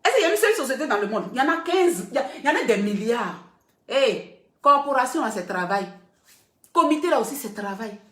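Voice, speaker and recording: A woman's voice: fairly high pitch, big pitch swings, a little fast, a bit bright. A middle-aged woman blogger talking casually to her viewers, emphatic and repeating points for stress. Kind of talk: casual live video talk. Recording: roomy echo.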